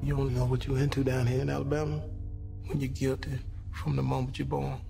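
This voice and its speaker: An actor playing an earnest young death-row lawyer, speaking calmly and with resolve. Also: male voice, medium pitch, fairly quick, creaky, faint music behind. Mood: resolute. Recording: film trailer over loud score.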